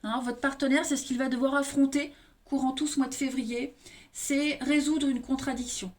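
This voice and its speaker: A woman's voice: high voice, fairly even intonation, normal speed. A woman with an eastern French accent giving a monthly tarot card reading, talking straight to viewers and often tagging her sentences with "hein". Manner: addresses viewers directly, frequent tag "hein". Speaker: tarot reader.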